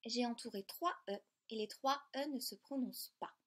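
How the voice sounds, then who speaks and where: A woman teaching a lesson in a clear, patient, step-by-step way. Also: fairly high pitch, normal speed. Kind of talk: explanatory lesson.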